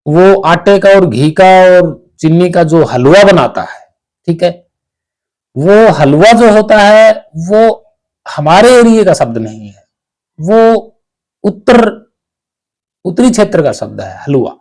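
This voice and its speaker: A man giving a slow, explanatory spiritual discourse, often checking that listeners follow. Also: sits high, animated, a little mellow. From Haryana, India. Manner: slow, explanatory, asks "ठीक है" to check understanding. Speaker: spiritual teacher.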